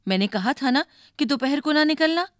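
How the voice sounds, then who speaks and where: A woman's voice: sits high, expressive, brisk, dry recording, studio quality, voice pushed up. A woman voicing a stern, fretful mother who scolds her two children, in a storybook reading. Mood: scolding. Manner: scolding, exasperated.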